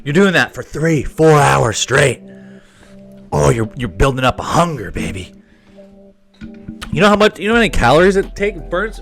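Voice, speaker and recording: A man telling a crude, rambling comic story with excitable energy and lots of asides. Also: a little high, moderate pace, creaky, pauses often, soft background music. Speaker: comedy vlogger.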